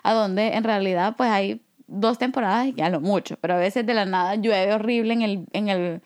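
A woman from El Salvador with a Salvadoran Spanish accent, co-hosting a podcast in relaxed, chatty conversation. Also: medium pitch, moderate pace. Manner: relaxed, chatty, frequent fillers and laughs. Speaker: podcast co-host. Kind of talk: casual chat.

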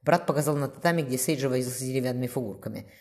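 A woman narrating an audiobook in a brisk, expressive read. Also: extremely low pitch. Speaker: audiobook reader.

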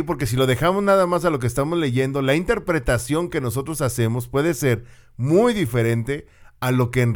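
Middle-aged man, Mexican accent, casual monologue, acts out dialogue, commentator and teacher. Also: medium pitch. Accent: Mexican Spanish. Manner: conversational, acts out quoted dialogue in other voices.

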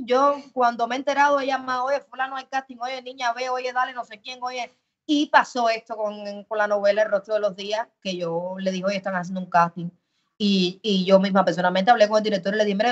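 Loud, expressive woman, lo-fi sound. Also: mid-range voice. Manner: loud, emphatic and expressive, swings between loud and soft. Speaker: actress guest. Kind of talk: casual interview chat. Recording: dull lo-fi sound.

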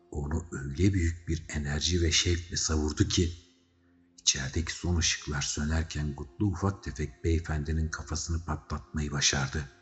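Deep-voiced male narrator, dramatic audiobook read, slightly muffled sound. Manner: dramatic storytelling, shouting characters' cries. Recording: slightly dull recording with faint music.

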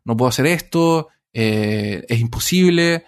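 A man's voice: mid-range voice, expressive, unhurried, clear, resonant tone, close to an everyday voice. A man voicing the king of the gods as a reluctant lover who answers in a hesitant, placating way.

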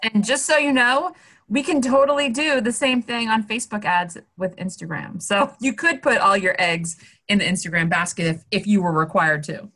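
A woman hosting an interview, upbeat and asking quick, direct questions. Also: mid-range voice, sharp tone. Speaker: interview host, marketer. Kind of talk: casual interview talk.

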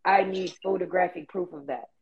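A woman's voice: on the low side, brisk, dull audio, crowd noise. A woman co-hosting a casual chat, riffing bossily for laughs. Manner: bossy comic riffing, laughs often.

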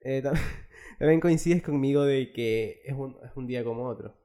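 A young man speaking, relaxed and slangy as a podcast co-host. He talks easily and drops street words into his speech. His pitch sits in the everyday middle range. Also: moderate pace. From Guayaquil, Ecuador. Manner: laid-back, slangy, says "loco" often. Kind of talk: casual chat.

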